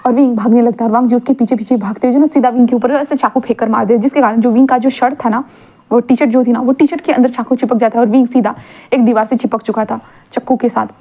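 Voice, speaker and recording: A woman's voice: a little high, fairly even intonation, quick pace, mellow. A woman narrating a fan-fiction story in a casual, rambling, chatty way, often correcting herself.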